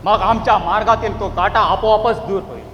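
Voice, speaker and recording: An actor playing a vengeful royal advisor who speaks conspiratorially in a musical stage drama. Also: male voice, sits high, steady tone, a little fast, slight background noise, close to an everyday voice. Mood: plotting. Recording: dull, lo-fi hall with long reverb.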